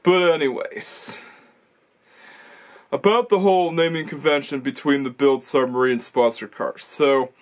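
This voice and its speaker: This is a rambling young man vlogging at home, a racing video reviewer giving casual commentary from a small indoor room crowded with toy shelves. Recorded on a camera or webcam facing him, his mid-range voice stays unhurried with fairly even intonation while he explains, wanders and self-corrects.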